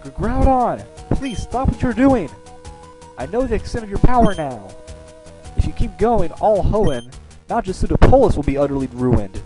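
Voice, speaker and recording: A frantic male villain leader begs ancient monsters to stop, his voice pushed high and strained, as a man reads him aloud. The pleading rides over clear game music. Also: big pitch swings, normal speed, rough recording. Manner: high, desperate reading of game dialogue.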